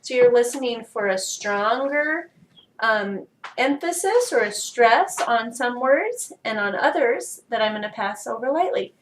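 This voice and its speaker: A woman's voice: a little high, expressive, a little slow, roomy sound, far from the mic, noisy background. A woman teaching a children's music lesson, explaining patiently step by step.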